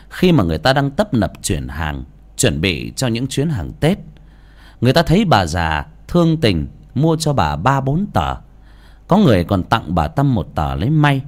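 A man narrating a dramatic audio story with sweeping, expressive delivery. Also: medium pitch.

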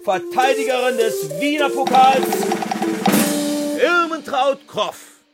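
Shrill fairground crier. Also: male voice, expressive, slow, heavily acted. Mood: proclaiming. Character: shrill male fairground announcer proclaiming wrestlers. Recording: loud music and drums behind.

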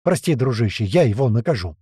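A man voicing a flustered male mechanic who shouts and pleads over his unruly parrot. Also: medium pitch, very animated, fairly quick, breathy edge, no room sound, clean studio sound. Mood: shouting.

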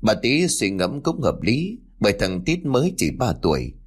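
A man narrating a ghost story in an expressive storytelling voice, faint music behind. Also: mid-range voice, moderate pace, husky. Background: faint background music.

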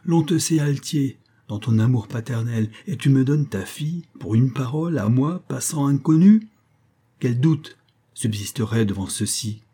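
Young male poet, bold and cunning, impassioned pleas, dark husky tone; a man reads the part. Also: mid-range voice, expressive, measured pace. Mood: defiant. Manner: impassioned and defiant pleading. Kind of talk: audiobook reading.

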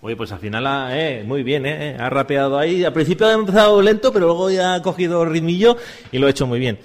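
A man's voice: a little high, fast talker, long reverb tail. A man with an accent from Spain, hosting a casual, encouraging interview. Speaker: radio programme host interviewing a teacher and pupils.

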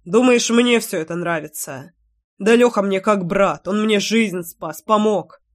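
A woman voicing a blunt, stubborn young village man in an audiobook, gruff and matter-of-fact, teasing at times. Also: medium pitch, unhurried, natural voice. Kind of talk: audiobook character voice.

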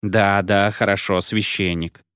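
A man's voice: medium pitch, animated, moderate pace, no echo, close to an everyday voice. A man reading an audiobook, giving a dry, irritated young man curt, grudging replies. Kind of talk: audiobook character voice.

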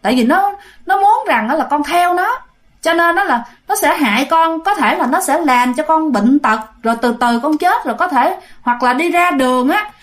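A woman playing an anxious older mother pleading earnestly in a spoken ghost story. Her voice sits high and a little strained with worry. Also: animated, moderate pace. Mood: worried.

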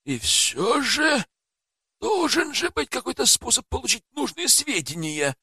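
A man's voice: very animated, a little slow, pushed and bright, breathy edge, no echo, clean studio sound, full character voice. A man doing a haughty young woman adventurer. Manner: purring, coquettish falsetto. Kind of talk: audiobook character voice.

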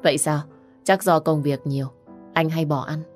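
A calm, protective young husband, voiced by a woman. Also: low voice, moderate pace, soft background music, lightly acted. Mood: tender. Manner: calm, reassuring.

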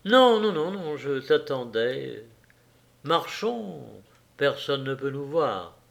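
A man's voice: medium pitch, big pitch swings, takes it slowly, gravelly, exaggerated voice. A man reading an audiobook, voicing a tense, tormented young man who speaks with urgent, clipped insistence.

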